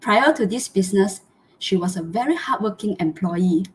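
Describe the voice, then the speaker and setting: A woman in her thirties or forties hosts a live online interview over a video call. She speaks earnestly at a mid pitch, pausing often for fillers and restarts. A faint hiss sits behind her voice. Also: animated. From Malaysia. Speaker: host.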